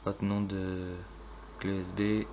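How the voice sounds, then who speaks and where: A man casually talking through a game tutorial, halting with fillers and loose slang, filmed on a phone at a home computer. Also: low voice, completely flat delivery, gravelly, darkish tone. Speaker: gaming tutorial maker. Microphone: phone filming a screen. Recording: phone recording with faint room noise.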